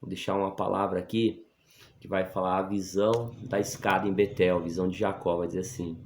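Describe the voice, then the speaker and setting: A man's voice: low-pitched, flat delivery, a little fast, slight background noise. A man, a pastor, telling his conversion story in an earnest, emphatic way and often asking "né?" for his listeners' assent. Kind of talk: personal conversion testimony. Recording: echoey room.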